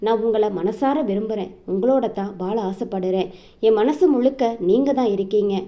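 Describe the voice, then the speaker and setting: A woman's voice: mid-range voice, moderate pace, warm tone, natural voice. A woman reading the lines of a young woman in a story who earnestly pleads her love. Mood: pleading.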